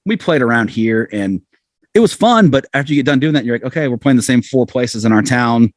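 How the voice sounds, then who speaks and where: In a studio-quality, dry recording, a middle-aged American frontman is interviewed as a musician guest. He speaks a little fast in an expressive mid-range voice, rambling casually and poking fun at himself.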